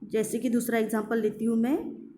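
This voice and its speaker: A woman teacher giving an online grammar lesson, explaining slowly and repeating her examples, with English words mixed into her Hindi. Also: a little high, flat delivery, warm tone, a little hiss or hum.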